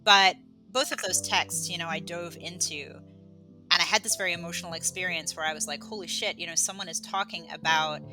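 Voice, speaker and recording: Podcast guest: woman from England raised in Australia, lowish voice, rambling and self-deprecating, guitar music behind. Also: fairly even intonation, brisk, low-quality recording. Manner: rambling, self-deprecating, many fillers and restarts. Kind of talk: casual conversational interview.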